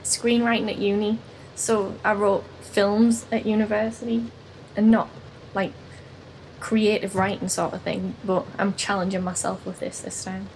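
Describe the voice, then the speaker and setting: A woman's voice: medium pitch, level tone, a little slow, a little mellow, a little hiss or hum. A young woman, a guest on a podcast, chatting cheerfully and laughing often. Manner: giggly and cheerful. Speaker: ASMR artist and podcast guest. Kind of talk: casual interview chat.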